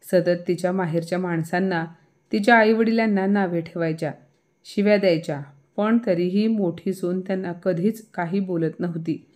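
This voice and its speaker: A woman narrates a family moral story in a steady, even manner. Her voice sits a bit low for a woman. The telling is scripted and unhurried in feel.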